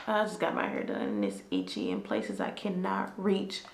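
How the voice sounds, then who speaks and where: A woman's voice: deep voice, sing-song, normal speed, vocal fry, echoey room. A woman in her twenties giving casual dating advice in a vlog, chatty and emphatic with sassy asides. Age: 20s. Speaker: lifestyle vlogger.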